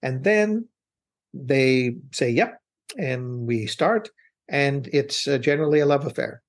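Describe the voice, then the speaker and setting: A man's voice: mid-range voice, takes it slowly. Earnest, reflective man talking at length. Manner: earnest, reflective, rambling with restarts. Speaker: business consultant guest. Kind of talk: interview conversation.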